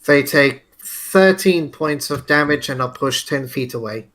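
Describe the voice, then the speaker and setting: A man's voice: medium pitch, a little slow, a bit bright. A man playing a tabletop game, hesitant with many fillers and playful swearing. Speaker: player. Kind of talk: casual tabletop game play.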